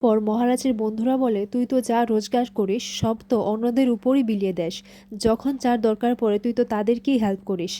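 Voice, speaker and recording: Woman, scripted recap narration, even retelling, mellow tone, slightly high voice. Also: normal speed. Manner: steady, even retelling, reading each character's lines in the same plain voice. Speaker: serial episode recapper.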